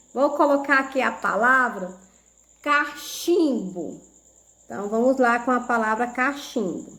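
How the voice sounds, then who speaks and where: A Brazilian woman teaching a video lesson to young pupils, explaining patiently step by step and checking they follow. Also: high-pitched. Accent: Brazilian Portuguese. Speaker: primary school teacher.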